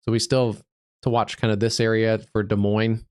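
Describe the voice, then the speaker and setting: A man hosting a live severe weather stream as a meteorologist, stuffed up from allergies, talking through the radar in an easygoing, halting way with many fillers. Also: lowish voice, flat delivery, clean tone, no room sound, clean studio sound. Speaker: digital meteorologist, livestream host.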